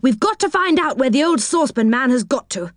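Moonface, a woman doing a high eager little man. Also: very animated, brisk, no echo, clean studio sound.

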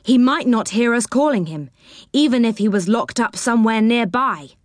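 A woman's voice: on the high side, expressive, normal speed, no room sound, studio quality, voice pushed up, close to an everyday voice. A woman doing an earnest young boy.

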